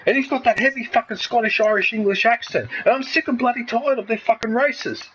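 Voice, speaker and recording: A man's voice: extremely high pitch, lively intonation, brisk, a bit bright, a little hiss or hum, rough recording. A man in his fifties from Australia, ranting angrily and swearing heavily in a casual chat. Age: 50s. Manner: heated, swearing, repetitive ranting. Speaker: streamer.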